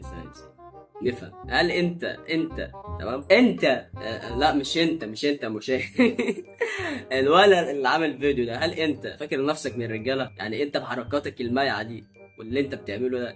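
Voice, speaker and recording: A young Egyptian man with an Egyptian Arabic accent, hosting his channel with animated, mocking comic reactions. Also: medium pitch, quick pace, faint music behind. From Upper Egypt. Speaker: channel host.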